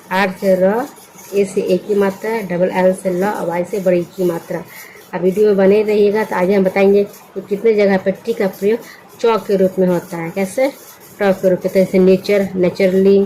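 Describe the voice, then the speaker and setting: A woman gives a patient English spelling lesson in a mellow, warm voice. She breaks each word into letters, asks her listeners what they make, then repeats the answer. A faint hum of ambient noise sits behind her. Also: medium pitch, rough recording. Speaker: English teacher.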